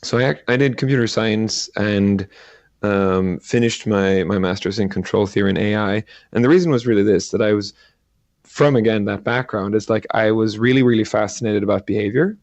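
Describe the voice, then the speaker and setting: A middle-aged man from Sweden, a guest entrepreneur talking in a casual interview, halting and restarting often with many fillers. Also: lowish voice, darkish tone, no room sound.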